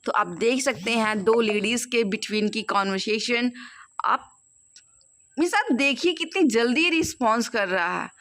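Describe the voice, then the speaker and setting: A young woman teaching English on a screen-recorded tutorial, mixing Hindi with English and reading English lines slowly aloud. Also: on the high side, a bit bright. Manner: Hindi-English mix, slows down to read English aloud.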